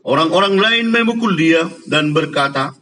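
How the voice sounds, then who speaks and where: A man leading a worship service and reading a scripture passage in a slow, deliberate, reverent way. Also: fairly high pitch, animated, pushed and bright, a little hiss or hum.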